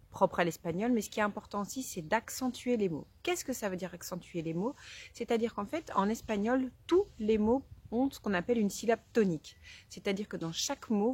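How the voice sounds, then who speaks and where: A woman teacher calmly explaining pronunciation rules step by step to learners. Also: mid-range voice. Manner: clear, methodical explaining, addresses learners directly. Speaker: Spanish teacher. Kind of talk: explaining a language lesson to camera.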